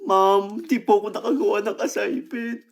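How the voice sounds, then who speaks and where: A woman's voice: medium pitch, moderate pace, gravelly. A woman with a Filipino accent acting out a comedy skit, whiny and pleading. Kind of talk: comedy skit role-play.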